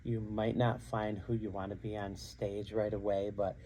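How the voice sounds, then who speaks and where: A man's voice: fairly low pitch, level tone, normal speed, warm tone, slight background noise, low-quality recording. A middle-aged man who works as a drag queen and show host, answering interview questions earnestly and repeating phrases for emphasis.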